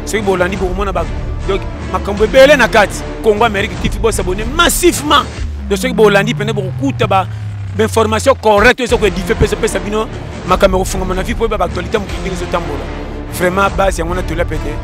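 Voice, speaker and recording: Fast-talking man pitching a channel. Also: music in the background. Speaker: channel promoter. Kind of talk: promotional appeal.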